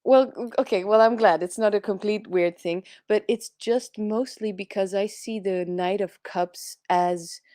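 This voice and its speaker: A woman's voice: medium pitch, steady tone, unhurried, hardly any pauses, mellow, no echo, studio quality. A woman speaking English as a second language, co-hosting a tarot live stream in a chatty way, laughing often. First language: not English. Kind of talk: casual chat.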